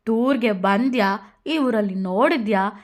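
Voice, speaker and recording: A woman's voice: a little high, measured pace, natural voice. A woman voicing a drunk, arrogant young woman in a narrated story, taunting and condescending.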